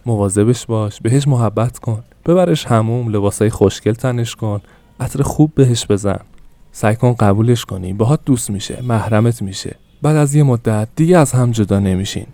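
A man voicing a gentle, persuasive young shopkeeper in an audiobook, soothing and coaxing as he sells. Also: mid-range voice, no room sound, natural voice. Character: gentle persuasive young male shop salesman.

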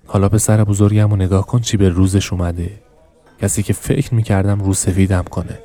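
A man's voice: low voice, flat delivery, mellow. A man reading the lines of a bitter middle-aged shopkeeper in an audiobook, scornful and grumbling.

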